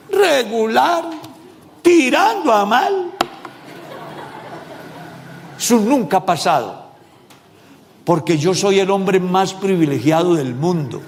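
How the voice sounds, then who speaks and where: A male pastor preaching a sermon, animated, joking and calling out questions to his congregation. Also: high-pitched, in a large hall, a little hiss or hum. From Colombia. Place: church hall.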